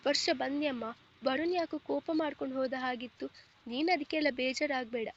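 A woman's voice: high-pitched, steady tone, brisk, muffled recording, a little hiss or hum. A woman voicing an affectionate middle-aged mother-in-law in a storybook reading, tender and soothing.

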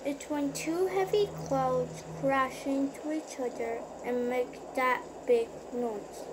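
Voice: sits high, slow pace, background noise. A performer voicing a sleepy, dismissive boy creature. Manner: flat, matter-of-fact, unbothered. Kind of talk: toy-figure skit role-play.

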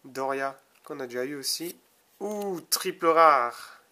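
A young man from France casually commenting while opening a box of trading cards, reading card names slowly with small asides. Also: a little high, expressive, sharp tone. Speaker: card-opening video host.

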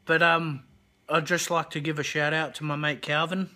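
A man's voice: fairly high pitch, level tone, moderate pace, sharp tone. A man in his twenties hosting a casual hot sauce review vlog, chatty, upbeat and unscripted. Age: 20s.

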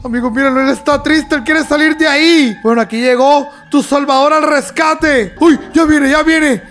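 An excitable young man with a very high voice chatters through a horror game, yelping and laughing as he goes. Faint game music plays under his talk. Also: normal speed. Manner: excitable, yelps and laughs, talks to viewers as "amigos". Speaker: gaming YouTuber. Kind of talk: horror game let's play commentary.

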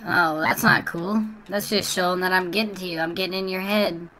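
Guy on a voice changer doing an annoying little kid on xbox chat, bright sharp tone, crude and taunting. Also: sits high, fairly even intonation, fairly quick, rough recording. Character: obnoxious trash-talking little kid gamer. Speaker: prank gaming video host. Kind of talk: trolling voice chat during an online game.

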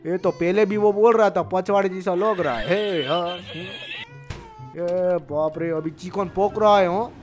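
Young male gaming host, high-pitched and excitable, bickers with himself in two voices, faint music under him. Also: unhurried. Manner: excitable, banter-filled, swapping between two bickering voices. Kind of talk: comic gameplay commentary.

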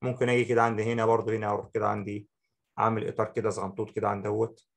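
A man with an Egyptian accent teaching a software tutorial, talking the viewer through each step and repeating short phrases. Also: fairly low pitch, level tone, very fast, vocal fry. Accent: Egyptian Arabic. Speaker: Photoshop instructor. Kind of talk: screen-recorded software tutorial.

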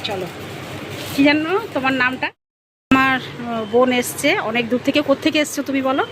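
Walking wet streets and stopping into a shop, a woman vlogger from India narrates casually to her viewers, treating them like friends. Her voice is high and steady, a little fast, against a noisy background.

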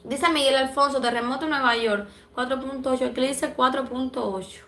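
A young woman with roots in Cuba and the Dominican Republic reads her viewers' comments aloud on a livestream, affectionate, talkative and quick to laugh, though a little stuffy from allergies. Her voice is high, steady, brisk and fairly bright, reverberant in the small indoor room where she films on a phone camera at arm's length.

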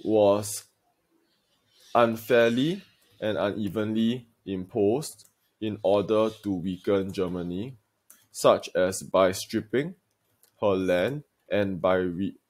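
Low-voiced male history teacher. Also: darkish tone. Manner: deliberate, emphatic lecturing, addressing students directly. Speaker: secondary school history teacher. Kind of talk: recorded video lesson.

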